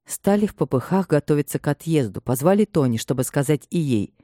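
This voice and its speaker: Мужчина, читающий роман вслух. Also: male voice, a little high, expressive, warm tone, dry recording, studio quality. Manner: measured, reads all the characters himself. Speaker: audiobook reader. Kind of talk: scripted literary narration.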